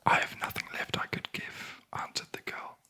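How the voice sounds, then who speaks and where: A sleep story narrator whispering a fairy tale in a breathy ASMR voice, with dry, wry asides. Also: normal speed. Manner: wry, deadpan commenting on the story.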